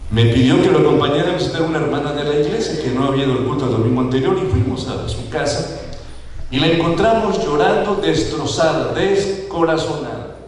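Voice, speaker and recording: A man's voice: a little high, animated, fairly quick, darkish tone, a little hiss or hum. A man with a Mexican Spanish accent preaching a sermon to his congregation, asking them questions and acting out the people he quotes. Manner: asks the congregation questions, acts out quoted voices. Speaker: pastor. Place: church sanctuary. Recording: echoey church hall, voice from far off.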